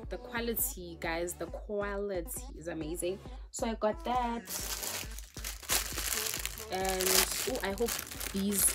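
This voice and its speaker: A young woman with a South African accent, chatting casually through a shopping haul in her bedroom, with drawn-out reactions and Zulu words mixed in. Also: mid-range voice. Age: young adult. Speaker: vlogger. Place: bedroom, indoors. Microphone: camera in front of her. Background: music.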